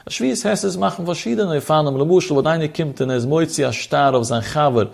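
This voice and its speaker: A man with a somewhat high, gravelly voice leads a traditional religious study lesson. He reads passages aloud and then explains them in a lilting, sing-song way. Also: a little fast. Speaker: religious teacher.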